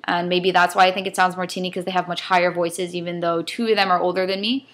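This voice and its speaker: Talking fast in a lowish, fairly bright voice with little pitch movement, a young woman vlogger from California rants casually. Her accent blends Californian speech with a Chinese-immigrant lilt, and she meanders hesitantly, filling her thinking aloud with many ums.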